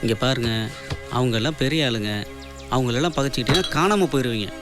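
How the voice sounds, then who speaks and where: A man's voice: mid-range voice, expressive, fast talker, over music, lightly acted. An actor playing a blunt man who warns someone to back off from dangerous powerful people. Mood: warning. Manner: blunt, warning.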